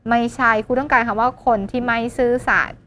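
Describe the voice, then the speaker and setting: Woman English tutor with a high voice, quick questions to the class. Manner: lively, asks students questions and answers them herself; mixes English words into her talk. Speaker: English teacher. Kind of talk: exam-prep lesson.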